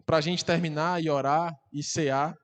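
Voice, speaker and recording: A man preaches with fervor, his voice pitched high for a man. The sound carries a long reverb from the church hall. He swells into loud, impassioned climaxes. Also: fairly even intonation, a little slow. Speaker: pastor. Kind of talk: sermon.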